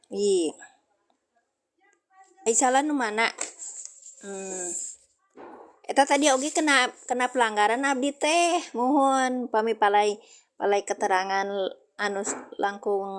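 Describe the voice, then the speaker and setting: A woman teaching Quranic Arabic grammar in a casual livestream, chatting with viewers' comments. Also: medium pitch.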